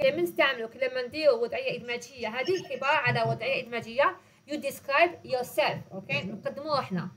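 A woman's voice: sits high, fairly bright tone. A woman with an Algerian Arabic accent teaching a class over a video call, patiently repeating and explaining.

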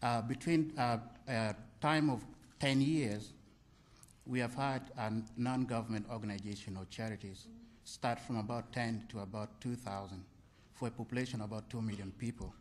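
A man's voice: medium pitch, steady tone, moderate pace, a little hiss or hum. Earnest man from Uganda asking a question. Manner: earnest, long-winded question. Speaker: audience member asking a question.

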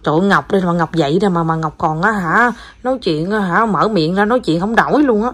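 A woman's voice: fairly low pitch, fast talker, fairly bright tone. A woman, a mother chatting casually to viewers at home while teasing her young child.

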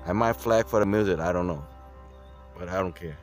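A man in his sixties, an Air Force veteran, casually narrating a road trip from behind the wheel with halting filler pauses. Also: sits low, soft background music. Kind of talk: casual travel vlog narration. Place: inside a car, driving. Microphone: camera mounted on the dashboard.

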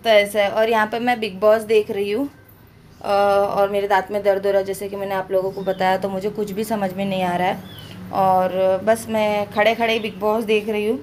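A woman's voice: mid-range voice, little pitch movement, moderate pace, a little mellow, slight background noise. A woman from India chatting casually to her viewers in a home vlog, talking through dental pain, recorded on a phone camera indoors. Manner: chatty, addresses viewers directly. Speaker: vlogger.

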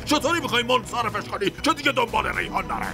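A man's voice: very high-pitched, big pitch swings, full character voice. An actor dubbing a stern old family patriarch who scolds his grown children, in a TV drama dub. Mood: angry. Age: older. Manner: scolding, gravelly. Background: music.

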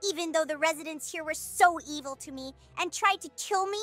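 A woman's voice: very high-pitched, brisk, a bit bright, faint music behind. A woman voicing a shy, nervous young reindeer doctor in a cartoon who stammers and doubts himself. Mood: earnest.

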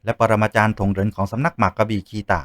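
A man voicing a calm, composed male official with a deep, measured voice. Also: dry recording, close to an everyday voice. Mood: solemn.

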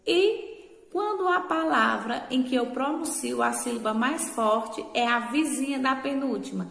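A Brazilian woman teacher giving a remote lesson, talking patiently, repeating words slowly and checking in with short tag questions. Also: sits high, gravelly, fairly bright tone. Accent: Brazilian Portuguese. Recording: echoey room with long reverb.

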